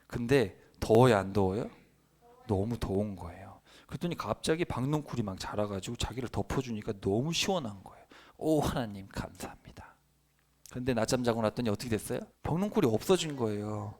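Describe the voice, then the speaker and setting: Male pastor, middle-aged, children's sermon; lively storyteller who acts out voices and quizzes the congregation. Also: fairly low pitch, brisk. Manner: lively storytelling, acts out quoted voices, asks listeners questions.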